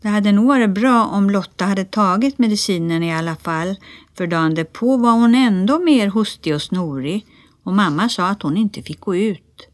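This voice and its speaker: A woman narrating a children's storybook in lively first-person voice, as one of the children. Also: mid-range voice, no room sound, studio quality. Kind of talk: storybook reading.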